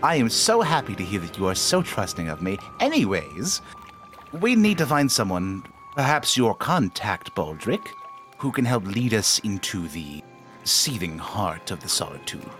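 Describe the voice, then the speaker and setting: A man's voice: on the low side, big pitch swings, normal speed, a bit bright, faint music behind. A man playing a tabletop game, speaking in character in a formal, wary way. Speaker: player. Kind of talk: in-character roleplay.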